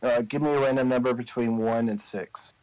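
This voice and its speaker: Guy running a tabletop game, deliberate storyteller with pauses, dry slightly dull audio. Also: medium pitch, steady tone, darkish tone, dry recording. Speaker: game master. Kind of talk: improvised tabletop game narration.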